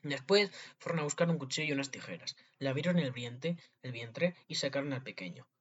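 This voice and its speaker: A man's voice: mid-range voice, fairly quick. A man narrating a fairy tale aloud, with small slips and restarts. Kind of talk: storybook reading. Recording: dull lo-fi recording.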